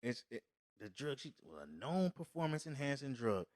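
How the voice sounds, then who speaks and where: A man's voice: medium pitch, big pitch swings, normal speed, a little mellow, no room sound, clean studio sound. A man co-hosting a podcast in casual, profane chat, emphatic and often restarting mid-thought. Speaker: podcast co-host.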